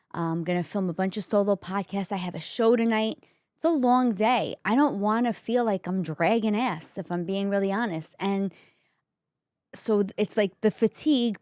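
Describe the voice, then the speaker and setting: A woman in a close, dry studio recording. She talks casually and candidly at a medium pitch, addressing listeners directly as a podcast host. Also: darkish tone, dry recording. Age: 40s. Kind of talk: casual solo talk to audience.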